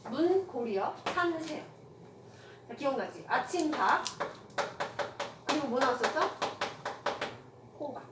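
A woman teaching a classroom grammar lecture, firing quick rhetorical questions at her students and mixing casual with polite speech. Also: high voice, very animated. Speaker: Korean language teacher. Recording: echoey room from far off, noisy.

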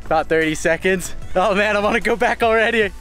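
A man's voice: high-pitched, fast talker, music in the background. Upbeat man vlogging on a hot trail. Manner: upbeat, joking, talks straight to camera. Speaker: vlogger on a hike. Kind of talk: casual vlog narration. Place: outdoors on a hot canyon trail. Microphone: handheld action camera at arm's length.

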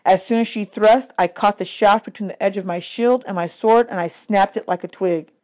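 A woman reads a children's adventure novel aloud, narrating expressively in scripted first person like an audiobook narrator. Her pitch is medium and her speed normal.

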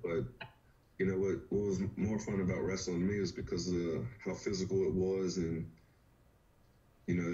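A man in his thirties from rural Virginia talks in a low, deep voice, easygoing and unhurried as he tells his story. He comes through a video call with dull, lo-fi sound. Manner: laid-back, relaxed storytelling with "you know". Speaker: fighter, podcast guest. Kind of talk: casual interview. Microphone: webcam or laptop on a video call.

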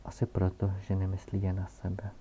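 A gentle, inquisitive storybook boy prince who asks questions softly, as a man reads him aloud. The voice is a low, gravelly male voice with a dark, mellow tone. The recording sounds dull and lo-fi. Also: completely flat delivery, a little hiss or hum. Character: gentle, curious little prince, a small boy.

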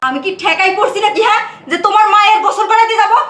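A woman acting out a spoiled, arrogant young wife with a very high, bright voice that rattles off mocking retorts at speed. The scene sounds like it was taken in an echoey room. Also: racing. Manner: mocking, defiant. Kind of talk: short-film drama acting.

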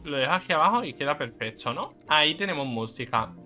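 Young man, gameplay commentary, playful and cheeky, crisp bright tone. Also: a little high, fast talker, faint music behind. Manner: playful, cheeky, swears freely, jumps to excited shouts. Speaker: gaming YouTuber. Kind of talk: let's play commentary.

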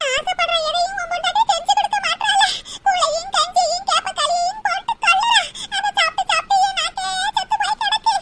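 A woman's voice: extremely high pitch, steady tone, fairly quick, long pauses, over music. Wailing old cartoon mother-in-law. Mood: complaining. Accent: southern Tamil (Tirunelveli). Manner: wailing lament, sing-song grumbling. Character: old village mother-in-law, self-pitying and complaining. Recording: loud background noise.

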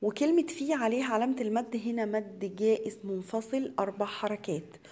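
A woman with an Egyptian accent teaching tajweed to beginners. She explains each rule in quick colloquial speech, then recites the words slowly and drawn out. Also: fairly high pitch, steady tone, a little mellow. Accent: Egyptian Arabic.

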